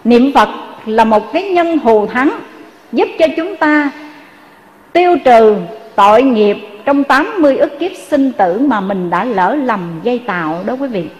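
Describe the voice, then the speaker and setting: A woman's voice: a little high, animated, unhurried, big-room sound, dull audio. A woman with a Southern Vietnamese accent telling a Buddhist story in a sermon, earnestly addressing her listeners. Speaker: Buddhist dharma speaker.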